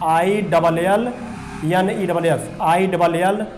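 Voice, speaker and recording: A male teacher with a rather high voice works through a grammar lesson at a whiteboard. He spells each word slowly letter by letter and keeps checking in with the students. The room is echoey, with a faint hiss underneath. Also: steady tone. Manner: spells words letter by letter, repeats "देखिए" and "ठीक ना".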